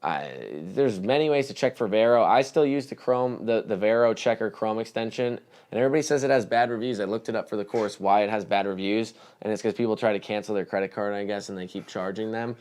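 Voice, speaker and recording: A man's voice: on the low side, fast, hardly any pauses. A man co-hosting a live stream in casual chat, reading viewer comments aloud and rambling with fillers and restarts. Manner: relaxed, rambling, trails off with "um" and restarts.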